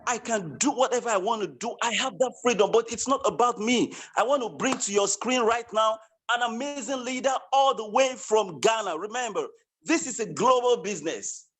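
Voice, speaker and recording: A man presenting at an online business launch, giving an emphatic, repetitive motivational sales pitch over a video call. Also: normal speed, fairly bright tone, breathy edge.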